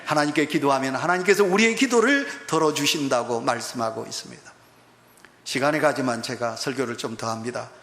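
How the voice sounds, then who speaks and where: A man's voice: mid-range voice, brisk, vocal fry, a bit bright. A male pastor with a Gyeongsang Korean accent, preaching an emphatic, fervent sermon. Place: church sanctuary. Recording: echoey church hall.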